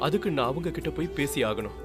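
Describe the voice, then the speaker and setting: An actor dubbing a kind middle-aged father who gently reassures a crying young woman. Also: a little high, expressive, fast, lightly acted. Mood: soothing. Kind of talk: dubbed television serial acting. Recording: loud music score under dialogue.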